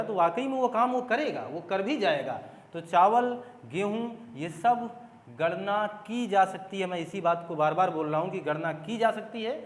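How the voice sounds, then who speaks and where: A man teaching an exam-prep grammar lesson, explaining step by step, repeating key points and putting questions to his students. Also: sits high. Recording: echoey room with long reverb.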